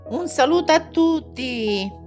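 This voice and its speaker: A woman's voice: sits high, expressive, slow pace, darkish tone, soft background music. A woman calling in to a radio show by phone, chatting casually and hesitantly, searching for her words with many fillers. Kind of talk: casual phone-in chat about football.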